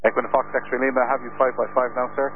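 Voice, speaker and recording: Brisk male controller over hissy radio. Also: mid-range voice, level tone. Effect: radio transmission. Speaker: air traffic controller. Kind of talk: traffic advisories. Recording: phone-like radio band with clear noise.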